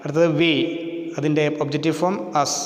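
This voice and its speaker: Male teacher, slow deliberate reading, higher voice, roomy long reverb. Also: fairly even intonation. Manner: reads English slowly and explains quickly in Malayalam. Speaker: English teacher. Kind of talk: bilingual grammar lesson. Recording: echoey room with long reverb.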